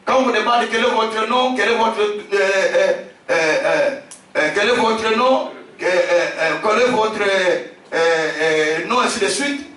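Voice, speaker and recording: A man from Africa, a bishop preaching a sermon, emphatic, repeating his phrases and shouting key lines. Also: sits high, slow. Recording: very echoey hall, distant from the mic.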